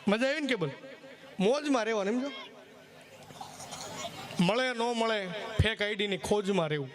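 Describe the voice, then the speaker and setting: Folksy high-voiced stage comedian man. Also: moderate pace, crowd noise. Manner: folksy, teasing, acts out characters in raised voices. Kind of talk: live folk stage comedy, storytelling jokes. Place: live stage show with audience.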